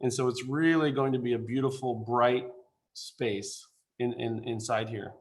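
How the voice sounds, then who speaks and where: Man on a video call, architect pitching a design, casual and halting, mid pitch. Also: steady tone. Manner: informal, halting, many fillers and restarts. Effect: speaking remotely over a video call. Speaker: architect presenting a building design. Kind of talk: presentation to a council.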